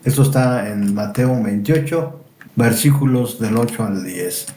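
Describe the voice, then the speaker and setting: A man reviewing a Bible lesson, reading scripture aloud and explaining it with pauses and restarts. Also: medium pitch, mellow, roomy sound, a little hiss or hum. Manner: explains and reads verses with fillers and restarts. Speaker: Bible study teacher.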